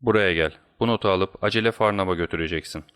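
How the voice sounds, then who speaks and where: A man's voice: sits low, quick pace, fairly bright tone, smooth. A man voicing a cool, commanding male detective who speaks in a cold, clipped way.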